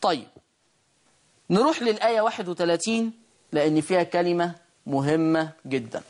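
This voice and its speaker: A woman with an Egyptian accent teaching Quran recitation rules, asking questions and answering them herself, and reading quoted verses slowly. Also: fairly low pitch, darkish tone. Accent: Egyptian Arabic. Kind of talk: online recitation lesson.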